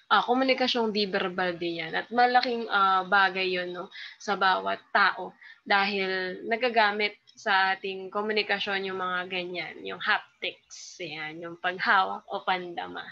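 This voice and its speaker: A woman's voice: medium pitch, fairly even intonation, measured pace, gravelly. A woman teacher explaining a lesson in a recorded online lecture, patient and chatty, with many fillers and tag questions. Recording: slightly dull lo-fi sound.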